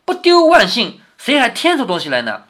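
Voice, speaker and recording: A man reading the lines of a quick-witted, loyal young maid in a classic novel, with a teasing manner. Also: very high voice, wildly swooping pitch, sharp tone, pitched above the performer's own voice, full character voice. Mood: playing innocent.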